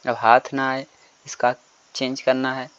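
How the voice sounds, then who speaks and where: A man's voice: medium pitch, flat delivery, unhurried, fairly bright tone, clean tone. A man teaching a textbook lesson, explaining step by step and asking the class questions. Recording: dull lo-fi recording.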